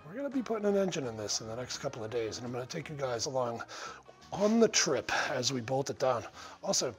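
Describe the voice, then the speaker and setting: A man's voice: medium pitch, very animated, quick pace, soft background music. A middle-aged man hosting a casual shop vlog from a large car restoration garage, talking loosely with lots of fillers into a close action camera. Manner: rambling, many "uh" fillers, easygoing. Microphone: action camera held or mounted close.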